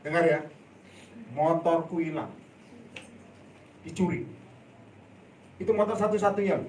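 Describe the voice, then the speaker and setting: Male evangelist, lively storytelling sermon, fairly high pitch, recorded from a distance in a reverberant church. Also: unhurried, slight background noise. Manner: animated storytelling with laughs and sudden loud outbursts. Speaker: evangelist preacher. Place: church hall. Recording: echoey hall, voice from a distance.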